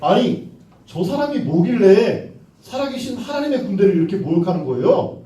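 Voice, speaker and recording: A man's voice: high voice, big pitch swings, normal speed, dark tone, far from the mic. A man voicing a brave, cheerful young boy David in a children's Bible story, eager and confident. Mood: bold. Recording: echoey room, mic from afar, children behind.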